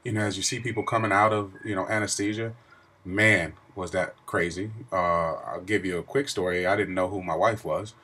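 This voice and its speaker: A man's voice: deep voice, fairly even intonation, moderate pace, sharp tone, husky. A middle-aged man chatting casually to his viewers in a video diary, with an informal, emphatic storytelling manner. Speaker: vlogger.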